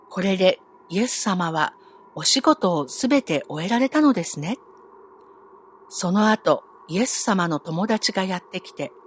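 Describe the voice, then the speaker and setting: A woman telling a Bible story to children, gentle and friendly, asking her young listeners questions along the way. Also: mid-range voice, slightly rough.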